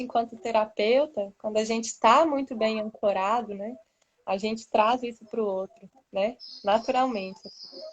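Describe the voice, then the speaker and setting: A woman's voice: mid-range voice, highs cut off. A woman, a massage therapist, talking casually and reflectively on a live video call, often tagging "né?". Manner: conversational, frequent "né?", soft laughs.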